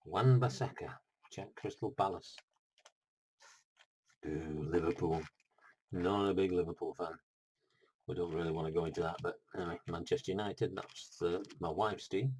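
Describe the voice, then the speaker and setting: A man's voice: sits low, normal speed, long pauses, a little mellow, slight background noise, rough recording. A middle-aged man, unboxing a board game in a rambling, chatty vlog full of asides. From United Kingdom.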